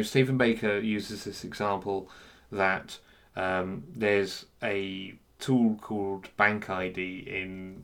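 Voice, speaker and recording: A man giving an unscripted talk on software freedom, hesitant and full of fillers and restarts. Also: lowish voice, vocal fry. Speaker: speaker on free software.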